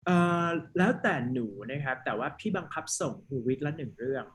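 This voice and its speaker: A man tutoring a student one-on-one, explaining speaking tips in a relaxed, chatty way and mixing in English terms. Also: medium pitch, a little fast, poor audio. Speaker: IELTS tutor. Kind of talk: one-on-one online lesson.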